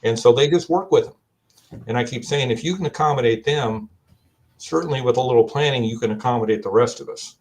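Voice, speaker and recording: A man with a Kentucky accent, a guest on a video-call panel, speaking in a measured, storytelling way. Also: mid-range voice. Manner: measured, storytelling, quotes advice he gives. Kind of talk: casual panel discussion.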